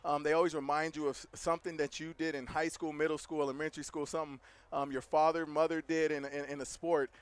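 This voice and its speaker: Breathless man in his thirties, athletic director, quick earnest talk, press box, slightly high voice. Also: level tone, clean tone. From Hobbs, New Mexico. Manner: earnest, frequent restarts. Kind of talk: halftime interview guest.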